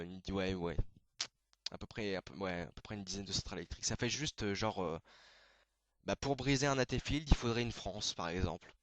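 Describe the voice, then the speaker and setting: A man hosting a casual anime video, explaining terms in a hesitant way, full of fillers and quick self-corrections. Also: on the low side, no room sound.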